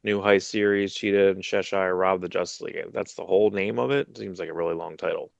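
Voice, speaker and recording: On a headset in his home room during a video call, a man in his thirties co-hosts a podcast about comics news, speaking briskly in a gravelly voice with fairly even intonation. His low-key chat rambles with many restarts. The recording is dry and dull.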